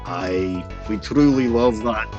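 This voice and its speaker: A man streaming through a voice changer that shifts his voice deeper, rambling in a playful mock-pirate way full of "aye" and "lad". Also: takes it slowly, lo-fi sound, music in the background. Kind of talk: rambling livestream commentary.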